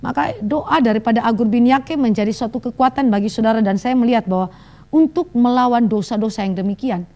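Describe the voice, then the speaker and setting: A high-voiced woman preaches a sermon. She tells her stories with lively asides and laughs along with them. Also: brisk.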